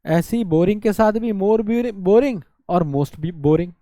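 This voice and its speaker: Male tutor, exam-prep lesson, self-quizzing delivery, soft dark tone, dead-dry booth. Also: sits high, unhurried, no echo. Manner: explains by asking and answering his own questions; drawls words out to show syllables. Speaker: teacher.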